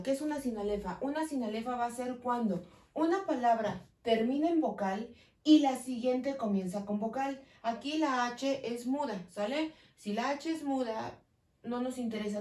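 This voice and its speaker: A woman teacher with a Mexican accent giving a school lesson on poetic meter, slowly spelling out verses syllable by syllable and checking in with her students. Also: a little high, warm tone, recorded from a distance. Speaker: secondary school Spanish teacher. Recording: roomy sound from away from the mic.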